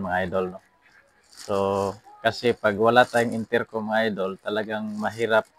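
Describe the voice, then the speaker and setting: In a medium-pitched, slightly bright voice on a dry recording with some background noise, a Filipino-accented man hosts a relaxed unboxing vlog. He talks to his viewers and keeps repeating his phrases and address tags.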